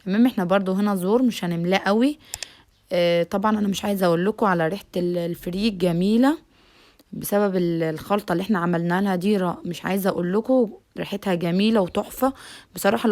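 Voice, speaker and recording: A fast-talking Egyptian woman walks viewers through a home recipe in a chatty, familiar way. She keeps checking in with her audience and keeps the talk moving at a quick clip. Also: medium pitch, darkish tone. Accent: Egyptian Arabic. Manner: chatty, repeats "tamam" often, addresses viewers directly. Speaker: cooking channel host. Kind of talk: home cooking tutorial.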